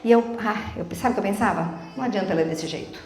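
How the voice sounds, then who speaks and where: A middle-aged woman giving a sermon in a church, telling stories with animated, quick speech and asking the congregation questions. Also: mid-range voice, soft background music. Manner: animated storytelling, quick talk. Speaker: church speaker. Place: church sanctuary. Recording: echoey church hall.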